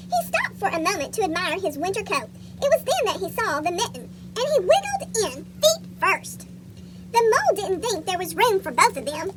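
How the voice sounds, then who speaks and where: Someone voicing a chipmunk with a squeaky cartoon voice, reading a picture book aloud to children. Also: heavy background noise. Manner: asks young listeners questions. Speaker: story reader for children.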